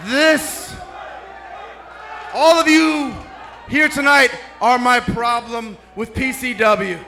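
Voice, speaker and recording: A man's voice: extremely high pitch, steady tone, slow. A man cutting a wrestling promo on a handheld microphone, taunting the audience. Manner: taunting, shouting at the crowd. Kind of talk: in-ring promo. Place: wrestling arena, in the ring. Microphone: handheld arena microphone. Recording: distant arena mic with crowd. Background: crowd.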